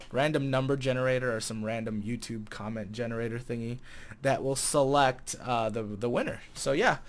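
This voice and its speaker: A Chicago-area vlogger and game server staff manager, age 20, talks to his camera in an easy, casual way, his American-accented, medium-pitched voice occasionally faltering as he thinks things through. The clip comes from a small indoor room at home, captured with a desk condenser mic behind a pop filter.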